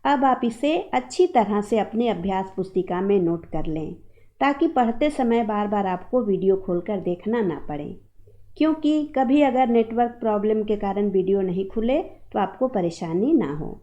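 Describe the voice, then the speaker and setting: A woman teacher, going through the syllabus for students in an online lesson and giving slow, clear instructions. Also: medium pitch, animated, dark tone, lo-fi sound.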